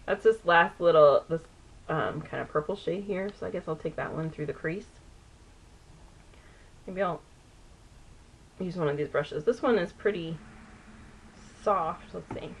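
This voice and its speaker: Low-voiced chatty woman doing her makeup. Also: measured pace, vocal fry, pauses often, a little hiss or hum. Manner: rambling, chatty, loses words mid-sentence. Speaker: beauty vlogger. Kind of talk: chatty get-ready-with-me.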